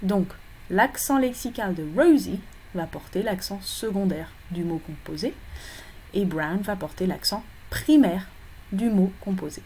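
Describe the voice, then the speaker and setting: A woman's voice: mid-range voice, expressive, unhurried, a little mellow, breathy edge. A woman teaching English phonology in a recorded lecture for exam preparation, explaining step by step with frequent fillers and self-corrections.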